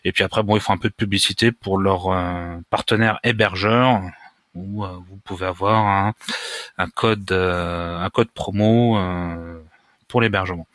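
A man walks through a computer tutorial, halting and casual, often pausing to find his words. His voice is low-pitched yet bright and forward. The sound is close and dry, recorded at a desk mic with no room echo. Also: steady tone. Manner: hesitant, many fillers and restarts, casual explanations. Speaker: WordPress tutorial maker. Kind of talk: screen-recorded software tutorial.

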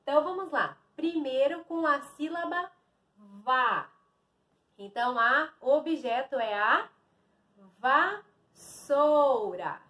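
Slow, high-voiced woman teacher. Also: sharp tone, lo-fi sound. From Brazil. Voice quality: slow, drawn-out, stressing each syllable. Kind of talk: slow early-reading lesson for young children.

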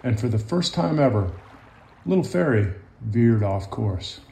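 A mid-range, expressive voice with a creaky, mellow quality comes from a man in his fifties reading a picture book and teaching drawing to children. He speaks a little slowly, in a casual, simple way, and encourages the kids along as he goes.

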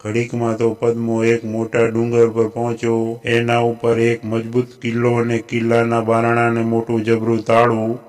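A man with a Gujarati accent narrating a folk tale in a steady, even storytelling voice. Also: medium pitch, moderate pace, hardly any pauses.

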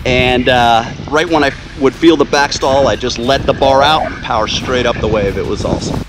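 A man with an ordinary mid-range voice talks through his ride in a relaxed, eager way. Heavy outdoor noise from wind and a boat nearly buries him. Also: mid-range voice, moderate pace. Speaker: kiteboarder giving a testimonial. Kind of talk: casual testimonial.

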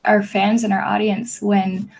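A woman's voice: medium pitch, flat delivery, unhurried, creaky, darkish tone. A woman artist talking casually and thoughtfully about connecting with people through her paintings. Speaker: artist, co-host. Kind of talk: casual chat.

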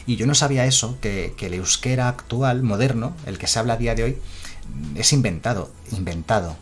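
Chatty streamer, lowish voice. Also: male voice. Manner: rambling and chatty, reading out chat messages. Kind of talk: casual live-stream chat.

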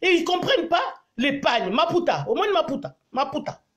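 A woman's voice: high voice, big pitch swings, normal speed, slight background noise. A Congolese woman vlogger ranting angrily on a live stream, mixing French with her native tongue and pleading repeatedly for viewers to share. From Congo (DRC). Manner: angry, repetitive pleading to share. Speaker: diaspora vlogger.

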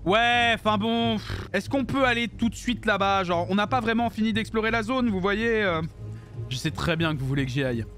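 A man streaming a video game, reacting loudly and cracking jokes as he plays. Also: high voice, fairly quick. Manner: excitable, loud outbursts and jokey asides. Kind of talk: live gaming commentary. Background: game music.

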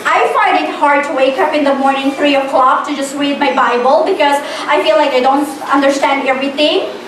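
A woman with a very high-pitched voice preaches an informal church sermon, emphatically repeating herself in short, deliberate phrases and asking the congregation questions. She's in an indoor church hall with a stage, recorded from a distant mic with a roomy echo and faint noise.

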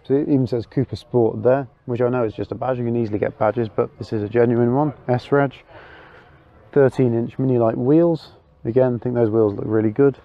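A man's voice: mid-range voice, dull audio. A man giving casual, enthusiastic walkaround commentary at an outdoor car meet, thinking aloud with small fillers as he goes. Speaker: car vlogger.

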